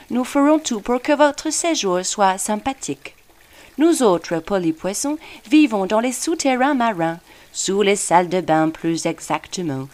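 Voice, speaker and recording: A woman's voice: medium pitch, a little mellow, lightly acted. Woman voicing a prim storybook fish, English accent, overly polite, lilting. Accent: mock English accent in French. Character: polite fish with cat whiskers, male, fussy.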